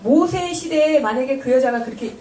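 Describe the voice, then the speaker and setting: A woman interprets a sermon for a congregation, her delivery polished and explanatory. Her voice sits a little high. It comes from a distance in an echoey church hall, with faint noise behind it. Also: fairly quick, mellow. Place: church sanctuary.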